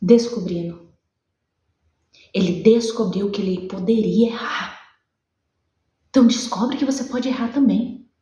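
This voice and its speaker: A woman's voice: mid-range voice, a little slow, long pauses, warm tone, reverberant. A woman with a Brazilian Portuguese accent preaching a sermon, emphatic and repetitive, acting out conversations.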